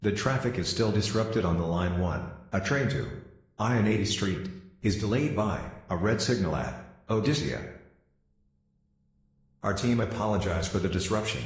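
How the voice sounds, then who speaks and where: A man's announcement plays over a station intercom in a low voice. He speaks in formal, measured phrases, and the sound rings with heavy echo. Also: animated. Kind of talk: automated transit announcement. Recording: very echoey station PA.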